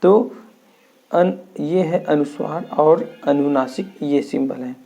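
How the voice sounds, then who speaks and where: A man teaching a Hindi grammar lesson, who explains slowly, repeats terms and asks and answers his own questions. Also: on the high side, creaky, mellow.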